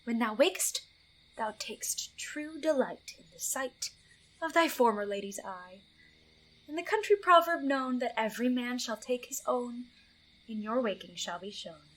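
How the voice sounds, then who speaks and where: A woman as bright, high-voiced Puck, mischievous sprite. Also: lively intonation, normal speed, rough recording. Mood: incanting. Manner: theatrical, teasing, chanting in rhyme. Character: mischievous Puck, a knavish fairy sprite working love charms. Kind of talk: Shakespearean verse audio drama.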